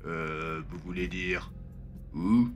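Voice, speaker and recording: A man's voice: deep voice, big pitch swings, slow pace, creaky, faint music behind, exaggerated voice. Man playing a dry, grumbling straight man.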